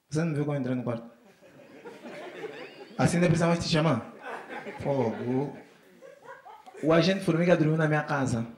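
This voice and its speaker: A man's voice: fairly high pitch, a little mellow, roomy sound. A man with an Angolan Portuguese accent doing stand-up comedy on a festival stage, telling family stories and acting out his son and wife in shifting voices.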